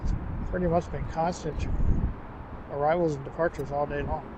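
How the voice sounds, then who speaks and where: A man's voice: on the high side, steady tone, normal speed. A man hosting a livestream with casual plane-spotting commentary. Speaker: livestream host. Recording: outdoor airfield noise behind voice.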